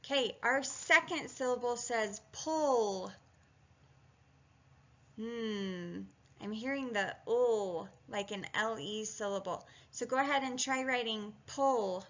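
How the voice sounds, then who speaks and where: Woman teacher doing a phonics video, sounds out syllables, unhurried, kinda high voice, muffled lo-fi audio. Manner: encouraging, chatty, thinking aloud. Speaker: reading and spelling teacher. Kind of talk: video phonics lesson, talking students through steps. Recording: dull lo-fi sound.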